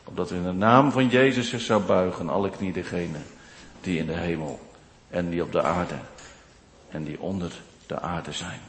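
A man preaching a sermon in a church, rising from hushed, low passages to loud, drawn-out declaiming. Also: fairly even intonation, a little hiss or hum. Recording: long church reverb.

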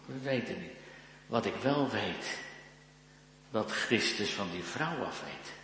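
A pastor preaching a sermon in a church, earnest and slow, with emphatic rises in his voice. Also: fairly low pitch, expressive, sharp tone, a little hiss or hum. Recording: echoey church hall.

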